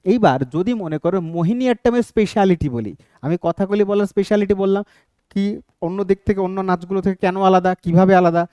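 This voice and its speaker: Guy teaching exam prep, kinda high clear voice, dry close mic, keeps asking if everyone's got it. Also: quick pace, dark tone, no echo, dull audio. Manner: explains step by step, keeps asking "ঠিক আছে?".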